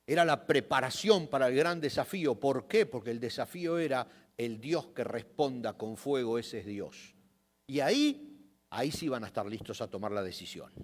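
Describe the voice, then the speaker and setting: A man preaching a sermon, retelling a scripture story dramatically, swinging between loud emphasis and hushed asides. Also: medium pitch, in a large hall. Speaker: pastor. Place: church sanctuary.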